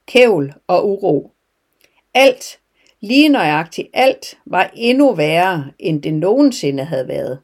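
A woman telling a parable and then reflecting on it in a calm, measured devotional talk. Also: fairly low pitch. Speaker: devotional speaker. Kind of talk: storytelling sermon.

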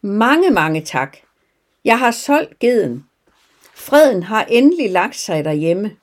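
A woman's voice: medium pitch, expressive, a little mellow, close to an everyday voice. A woman voicing a weary, poor male farmer who pleads in a heartfelt way. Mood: grateful.

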